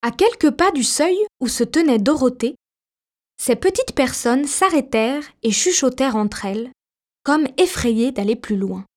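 High-voiced woman reading a storybook. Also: animated, unhurried. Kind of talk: reading a children's story aloud.

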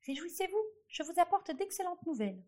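A woman's voice: very high voice, sing-song, brisk, a little mellow, voice pushed up. Woman voicing a chirpy fairy mouse. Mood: eager. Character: good fairy in mouse form, female, cheerful.

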